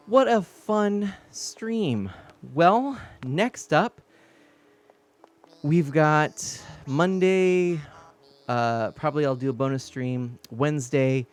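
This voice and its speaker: A man's voice: medium pitch, clear, resonant tone. A man hosting a game stream, chatting casually and laughing often, a little out of breath and recovering from being sick. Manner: laughing, chatty, rambling sign-off. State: slightly out of breath, recovering from sickness. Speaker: streamer host.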